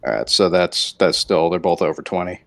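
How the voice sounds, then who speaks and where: Low-voiced man player, halting. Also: gravelly. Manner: halting, full of fillers. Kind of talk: casual game talk.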